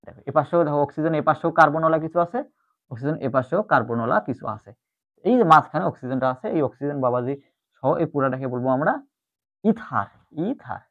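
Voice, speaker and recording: A man's voice: a little high, racing. Tinny-sounding male chemistry teacher. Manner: explains step by step, repeats key terms. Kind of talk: online lecture. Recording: tinny phone-like audio.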